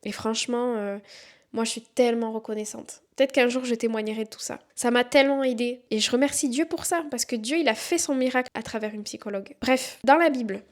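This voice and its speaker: A woman's voice: fairly high pitch, brisk. A young woman hosting a podcast on faith, talking earnestly and encouragingly and reading verses aloud. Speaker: podcast host.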